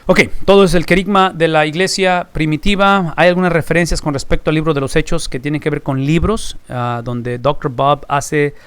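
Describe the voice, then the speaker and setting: A man's voice: a little high, steady tone, normal speed, hardly any pauses, a bit bright, smooth. A man teaching a recorded Bible class, emphatic and fond of rhetorical questions he answers himself.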